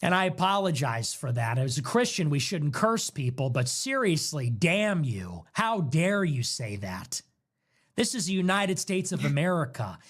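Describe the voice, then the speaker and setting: A man's voice: fairly high pitch, big pitch swings, normal speed. A man in an angry, profane political rant, hurling insults. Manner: furious, profane, shouting insults.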